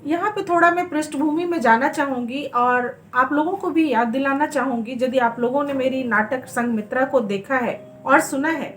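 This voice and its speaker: Lady host reading a play aloud, high voice, faint music under it. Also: moderate pace, hardly any pauses, fairly bright tone. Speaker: channel host and reader.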